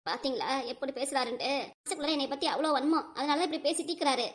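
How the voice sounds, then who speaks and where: A woman's voice: high-pitched, fast talker, close to an everyday voice. A woman voicing a complaining middle-aged village wife who pleads in a whiny, self-pitying way in a cartoon. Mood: aggrieved.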